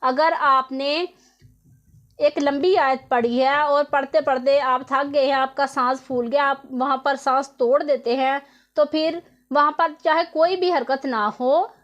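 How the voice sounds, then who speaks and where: A woman's voice: high-pitched, steady tone, unhurried, fairly bright tone, dull audio. A woman teaching Quran recitation rules in an online tutorial, explaining patiently step by step and repeating each rule.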